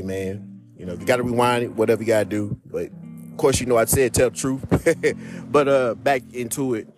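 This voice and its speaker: A man talking earnestly and casually to his viewers, giving marriage and relationship advice and often calling them "man" and "y'all". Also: lowish voice. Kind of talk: casual heartfelt advice talk.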